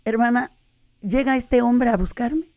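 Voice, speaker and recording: A woman's voice: on the high side, unhurried, darkish tone. A middle-aged woman telling her faith testimony on a radio interview, earnest and addressing listeners as sisters. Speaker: guest giving a testimony.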